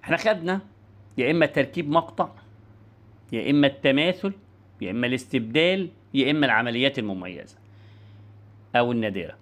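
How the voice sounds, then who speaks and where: A man's voice: mid-range voice, lively intonation, fast talker, pauses often, a bit bright. A man with an Egyptian Arabic accent giving an online lecture and demonstrating speech sounds as he explains.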